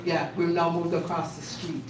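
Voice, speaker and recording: A woman hosts a live event for a crowd in an indoor community space, her low-ish voice at a moderate pace. She's warm, animated, emphatic, and repetitive. The recording is taken from a distance in an echoey hall and is noisy.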